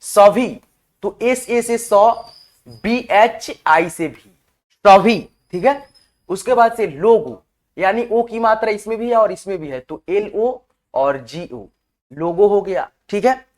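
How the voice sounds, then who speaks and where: A woman teaching spelling, walking her viewers through each word one letter at a time. Her pitch sits in an ordinary middle range, and she keeps pausing to make sure her viewers are following along. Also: expressive, a little mellow. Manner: keeps checking in with the viewers as friends. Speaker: online teacher. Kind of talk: step-by-step spelling lesson.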